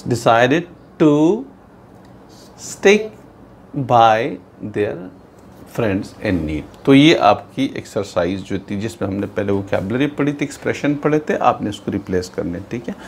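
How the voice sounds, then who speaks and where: A man teaching an English lesson, reading English slowly and explaining in Urdu-Hindi to his pupils. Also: medium pitch, lively intonation, a little hiss or hum. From Pakistan. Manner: addresses pupils as "beta", repeats "theek hai". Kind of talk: bilingual classroom lesson.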